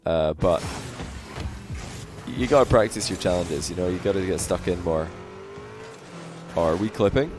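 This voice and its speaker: Brief: easygoing male replay coach with a lowish voice, chatty, soft beats underneath. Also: a little slow, pauses often. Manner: relaxed coaching, frequent fillers. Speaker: game coach reviewing a replay. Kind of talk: casual replay commentary. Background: faint lo-fi background music.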